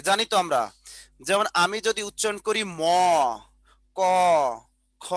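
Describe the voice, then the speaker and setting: A male teacher speaks over a video call with a high, bright voice that sounds close and dry. He walks through each rule patiently. He keeps asking his class questions and then answers them himself. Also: no echo. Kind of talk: online Bengali grammar lesson.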